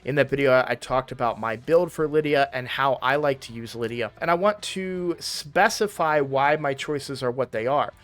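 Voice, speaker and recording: A man's voice: medium pitch, normal speed, hardly any pauses, a bit bright. A man hosting a casual gaming video from a room in his home, talking in a chatty way and often correcting himself mid-sentence. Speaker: gaming channel host.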